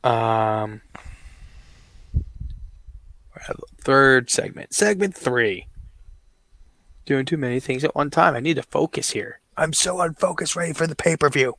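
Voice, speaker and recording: A man hosting a podcast, calling toy figure wrestling matches play-by-play with drawn-out match calls. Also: mid-range voice, a bit bright. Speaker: podcast host and commentator.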